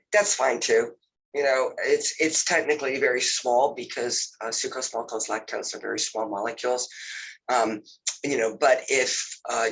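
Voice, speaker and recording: A male lab instructor with a cold gives a casual recorded lab walkthrough over a video call, his mid-range voice nasal, congested and husky. His delivery is loose and relaxed, packed with fillers and frequent "you know"s, on poor computer-mic audio.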